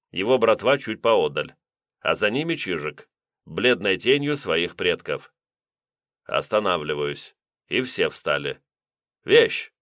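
Low-voiced man narrating an audiobook. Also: a bit bright, no room sound, studio quality. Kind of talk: first-person fantasy audiobook narration.

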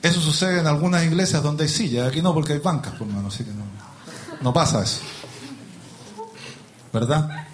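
Male preacher, higher-pitched, direct sermon to his congregation with rhetorical questions. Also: fairly quick, long pauses, slight background noise. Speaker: pastor. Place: church with pews.

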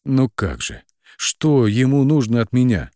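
A man's voice: low-pitched, animated, slow pace, breathy edge, no room sound, clean studio sound, exaggerated voice. A man voicing a frightened young woman who pleads in panic and tears. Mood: panicked.

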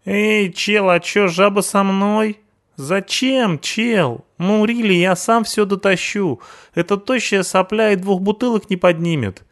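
A cheeky young punk guy with a whiny, slangy drawl, pitched far up, as a male audiobook reader puts him on. He sounds loud and pushy, each line stretched out lazily. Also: measured pace.

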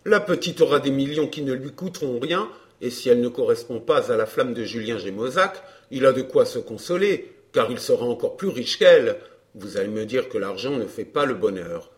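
A man reading a glib, self-assured gentleman in an audiobook dialogue, smooth and bantering. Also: mid-range voice, expressive, moderate pace, natural voice.

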